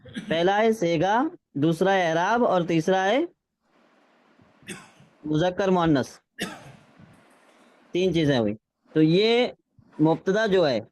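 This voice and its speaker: High-voiced man teaching Arabic grammar. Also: darkish tone. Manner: patient, checks understanding, reads Arabic phrases slowly. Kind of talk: classroom lesson with drills. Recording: slightly dull lo-fi sound.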